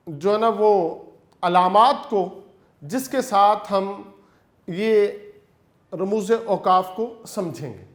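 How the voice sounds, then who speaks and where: A male teacher giving an online lecture, explaining step by step in a patient way and calling his students "beta". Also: very high voice. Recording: echoey room.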